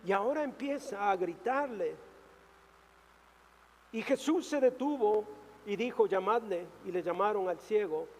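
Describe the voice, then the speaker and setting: Male pastor, high voice, slow and deliberate, dramatic swings from loud to hushed, church-hall reverb with faint music. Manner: preaching with dramatic rises and hushed drops. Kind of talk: sermon.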